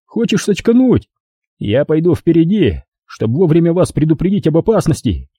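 A dim-witted young thug, voiced by a man reading a storybook who whines and wheedles. His voice is husky and dark, recorded dry and close. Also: a little high, big pitch swings, normal speed, no echo, pitched above the performer's own voice. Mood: whiny. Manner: complaining, wheedling.

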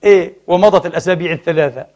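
Male preacher, high and brisk, emphatic sermon with rhetorical questions. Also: darkish tone. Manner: storytelling with asides and jokes.

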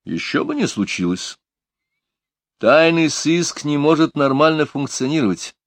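A man's voice: fairly high pitch, animated, unhurried, no echo, pitched above the performer's own voice. A man voicing a sardonic older male boss in an audiobook, with a dry, ironic way of talking. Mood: mock-stern. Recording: dry close studio sound.

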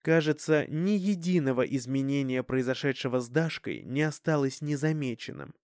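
A man narrating an audiobook in an even, steady reading voice on a close microphone. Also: medium pitch, normal speed, no room sound. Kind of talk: scripted narration.

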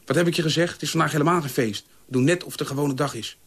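A man's voice: fairly high pitch, racing, breathy edge. A man doing a weary, stern mother. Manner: stern, hushed. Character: weary, strict mother protecting her sons.

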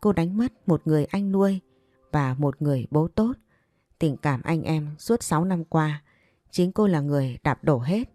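A woman narrating an audio story in a steady, matter-of-fact reading. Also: deep voice, normal speed, no echo, studio quality.

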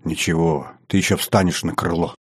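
An anxious aging aircraft designer from a spoken audiobook, murmuring his hopes in a low, subdued voice, as a male narrator puts him on. He sounds quiet and pleading, and the close recording is dry with no room around it. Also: fairly even intonation, moderate pace, husky, no echo. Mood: tender. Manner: quiet inner musing, pleading.

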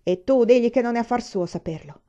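A woman reading aloud and voicing a rough, bullying male army sergeant who barks and shouts his orders. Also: medium pitch, lively intonation, normal speed, dull audio, natural voice. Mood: gruff.

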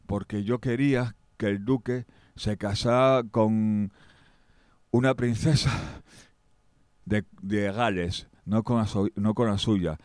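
A man's voice: fairly low pitch, slow pace, a little mellow, no room sound. A man playing a scheming royal adviser in a homemade audio tale. He explains his plot plainly, close to his own speaking voice. The recording is dry. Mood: confessing. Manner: confessing, matter-of-fact.

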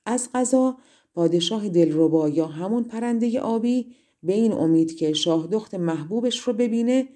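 Mellow-voiced woman reading fairy tales. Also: mid-range voice. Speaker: audiobook reader. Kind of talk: storybook narration.

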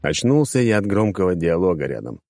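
Brief: male audiobook reader, low, mellow-dark voice, brash delivery, dry close sound. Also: fairly quick, no room sound, soft background music. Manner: brash, coarse, lively narration. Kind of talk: first-person audiobook narration.

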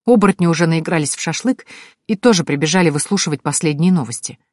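A woman's voice: deep voice, fast talker, dry recording. Woman narrator, audiobook, wry ironic tone, dry close recording. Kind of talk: first-person fantasy narration.

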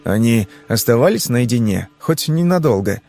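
Audiobook role: male reader as a calm investigator, curt, steady questioning. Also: medium pitch, vocal fry, soft background music. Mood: brusque. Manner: measured, terse questioning.

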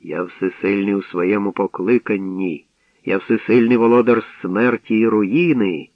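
A man voicing Hades, the stern all-powerful lord of the dead, in a slow, booming, imperious way, read from a storybook. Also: steady tone, no echo, highs cut off.

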